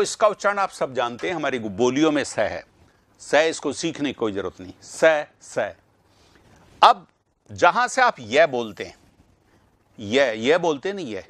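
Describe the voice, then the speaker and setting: A man's voice: medium pitch, fairly bright tone, no room sound. A man teaching a live online exam-prep class, reading out students' names and drilling pronunciation aloud.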